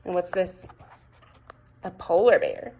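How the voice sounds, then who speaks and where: This teacher, a woman, reads to young children from a picture book in a lilting, expressive style full of coaxing questions and exclamations. She has a lowish, breathy voice and reads slowly, and the recording quality is rough.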